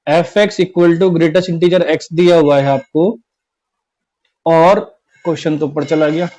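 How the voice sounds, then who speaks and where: A man's voice: on the high side, fairly even intonation, slow pace, a little mellow, rough recording. A man teaching a class-twelve maths lesson online, working through each step and repeating the key points. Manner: explains step by step, repeats each point, often says "theek hai".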